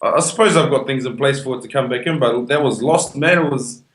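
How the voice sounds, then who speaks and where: A man's voice: medium pitch, fast talker. A man with a broad New Zealand Māori English accent chatting casually and slangily as a podcast guest. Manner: slangy, peppers speech with "bro" and "you know". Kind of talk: casual chat. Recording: echoey room.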